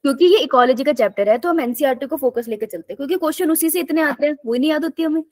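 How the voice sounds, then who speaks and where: A woman's voice: sits high, racing, darkish tone, dry recording. A young woman teaching a live online biology class in a casual, chatty way, telling stories and often laughing.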